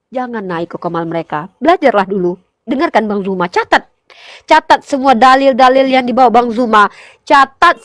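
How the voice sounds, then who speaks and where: Woman, religious speaker, high fervent voice, dry close sound, passionate exhortation. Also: no room sound. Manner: fervent, pleading, rising to emotional peaks; addresses listeners as brothers in faith.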